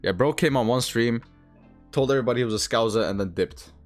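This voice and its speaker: A young man from Sweden with Eastern European roots, who learned an American accent, hosts a trading livestream and reads viewer comments. His mid-range voice moves quickly, full of slang and repeated phrases, with faint music behind.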